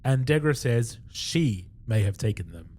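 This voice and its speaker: An Australian man co-hosting a podcast, walking through an episode's plot in a loose, chatty way. His voice sits at an ordinary mid pitch, and he peppers the retelling with fillers and chuckles. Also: expressive, a little slow, darkish tone. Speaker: podcast co-host. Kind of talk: casual episode recap.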